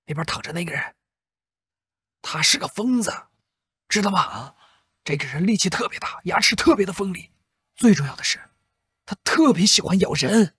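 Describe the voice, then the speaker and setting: An actor playing a sly male prisoner in a costume TV drama, teasing a newcomer in a hushed, conspiratorial way. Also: high-pitched, lively intonation, moderate pace, pauses often, breathy edge, no echo, clean studio sound, heavily acted. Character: sly male prisoner spinning scary tales. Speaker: cellmate.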